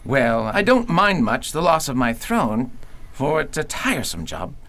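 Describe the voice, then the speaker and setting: Genial straw-man monarch, acted by a woman, hugely swooping pitch, formal and exclamatory audio drama style. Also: big pitch swings, measured pace, fairly bright tone, heavily acted. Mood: mildly concerned. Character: genial, unhurried scarecrow king, male. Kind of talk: theatrical audio drama acting.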